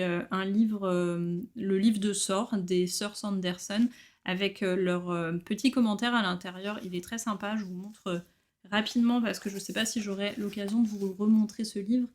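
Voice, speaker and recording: A woman showing her new books in a casual vlog, chatty and relaxed, with frequent hesitations. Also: medium pitch. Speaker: book collector vlogger. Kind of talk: casual book haul chat.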